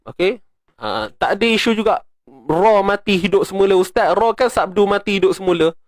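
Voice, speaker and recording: A middle-aged man with a Malaysian Malay accent, teaching Quran recitation in a casual, joking online lesson and drilling sounds slowly. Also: high-pitched, no room sound.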